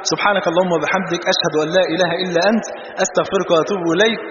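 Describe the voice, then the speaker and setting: An Egyptian man with an Egyptian Arabic accent, preaching in an animated storytelling way and mixing jokes into his religious talk. His voice sits high for a man and the words tumble out at great speed. He is heard in a large hall with a long, roomy echo. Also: very fast. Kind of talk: sermon with humorous anecdotes. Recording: dull, roomy, noisy hall recording.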